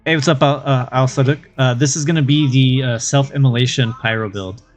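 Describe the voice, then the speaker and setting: A man's voice: mid-range voice, a little fast. Casual male game streamer thinking aloud. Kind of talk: casual live stream chat and gameplay commentary. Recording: music behind the voice. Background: game music.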